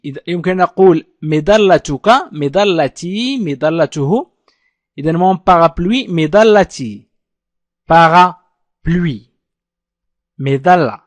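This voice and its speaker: A man teaching a language lesson, speaking slowly and repeating each phrase for learners. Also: high voice, dry recording, clean studio sound. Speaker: French teacher.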